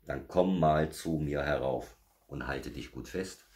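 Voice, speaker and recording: A jolly, kindly old Father Christmas from a children's story, speaking softly and warmly, as a man puts him on. The voice is extremely deep and gentle. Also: a little slow. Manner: warm, hushed and friendly.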